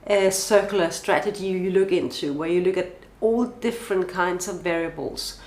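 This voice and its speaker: Speaking in a lowish, somewhat dark voice at a moderate pace, a woman from Denmark with a Danish accent gives podcast interview answers. Thoughtful, she lists questions one after another. The recording has a roomy echo.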